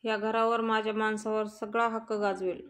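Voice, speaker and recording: A woman's voice: on the high side, little pitch movement, normal speed, lightly acted. A woman doing a resentful older mother-in-law. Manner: complaining.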